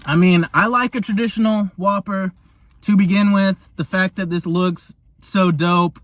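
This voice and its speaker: Excitable young man with a high voice. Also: a little slow. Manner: excitable, slangy, gushing; talks while eating. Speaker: food reviewer. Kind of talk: casual taste-test vlog.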